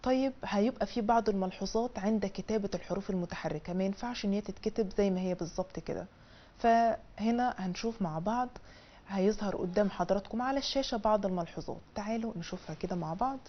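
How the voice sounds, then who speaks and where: On a television studio set, a woman with an Egyptian Arabic accent teaches a language lesson step by step in a colloquial way. She drills syllables in a high sing-song before explaining in colloquial Egyptian Arabic, talking fast, and the recording has its highs cut off.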